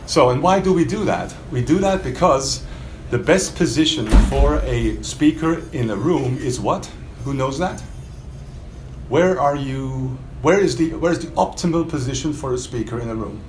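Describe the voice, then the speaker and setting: In an indoor hotel demo room, a loudspeaker company's demonstrator talks in a mid-range, animated, slightly mellow voice at a moderate pace. Emphatic and unscripted, he quizzes his small audience with rhetorical questions; the trade show audio is roomy with faint noise behind it.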